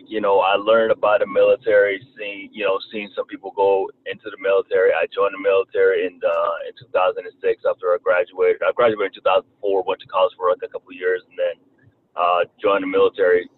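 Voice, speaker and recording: A man in his thirties from Rwanda with a slight Southern twang, talking haltingly as an interview guest and often repeating words. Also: deep voice. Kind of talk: casual interview talk. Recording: tinny phone-like line, faint noise.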